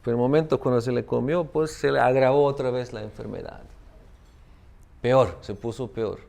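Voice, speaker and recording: Gravelly-voiced man giving a spiritual talk. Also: medium pitch, moderate pace, a little mellow. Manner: tag question "¿no?" after many phrases. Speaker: spiritual teacher. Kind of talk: devotional talk with a parable.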